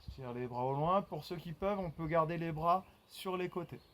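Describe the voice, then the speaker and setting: A man's voice: a little high, fairly quick, noisy background. A man leading a floor exercise class, guiding breathing and repeating cues rhythmically as he counts. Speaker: fitness instructor. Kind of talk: guided workout instruction.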